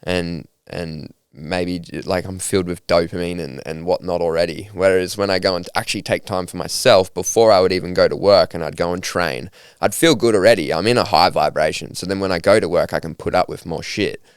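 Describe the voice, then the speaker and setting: Laid-back deep-voiced Australian young man. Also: fairly even intonation, fairly quick, hardly any pauses, clear, resonant tone, no room sound, studio quality. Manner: laid-back, upbeat slangy talk with frequent laughs. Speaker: podcast guest. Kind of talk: casual conversational storytelling.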